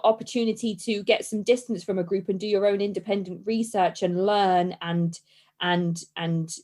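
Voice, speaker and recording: A woman hosting a podcast interview, who listens with encouragement and reflects on what her guest says. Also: mid-range voice. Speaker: podcast host. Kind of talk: conversational interview.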